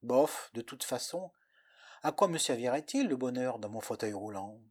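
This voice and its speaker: A man voicing a grumpy old man in a wheelchair in a spoken tale, with a croaking voice. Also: medium pitch, lively intonation, normal speed, lightly acted. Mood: weary.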